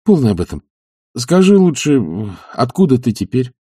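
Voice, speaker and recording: Man playing a lazy, sighing gentleman. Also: medium pitch, very animated, slightly rough, no room sound, clean studio sound. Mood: reluctant. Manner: whining, reluctant, drawn-out.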